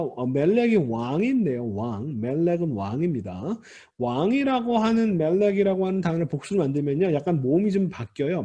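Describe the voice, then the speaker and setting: A man's voice: on the high side, warm tone. A man teaching a recorded grammar lecture, patiently explaining, repeating key words and reassuring students directly.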